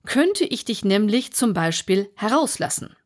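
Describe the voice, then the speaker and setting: An unbothered male footman, as a woman reading a storybook aloud puts him on. He drags his words out slowly and detachedly. The voice sits well above the reader's own and keeps a husky breathiness. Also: mid-range voice, very animated, pitched above the performer's own voice. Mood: aloof.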